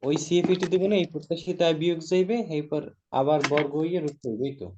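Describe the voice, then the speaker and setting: A man answering his tutor quietly, repeating the figures back. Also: on the high side, quick pace, noisy background. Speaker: student. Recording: dull lo-fi recording.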